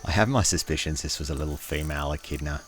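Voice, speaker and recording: A man's voice: rumbling low, quick pace, very noisy. A man giving informal, unscripted nature documentary commentary as a wildlife guide. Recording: loud music bed.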